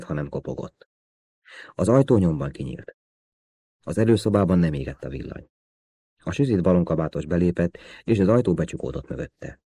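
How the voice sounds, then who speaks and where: A man narrating a thriller audiobook in a steady, even storytelling manner. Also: low-pitched, no room sound. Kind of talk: scripted narration.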